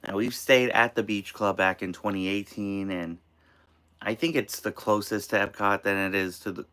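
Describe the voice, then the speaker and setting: An American man from Maine hosting a casual live stream of tips from inside an RV, halting and restarting his phrases. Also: on the low side, fairly even intonation, fairly bright tone, clean tone. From Maine, United States. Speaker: host of a live show.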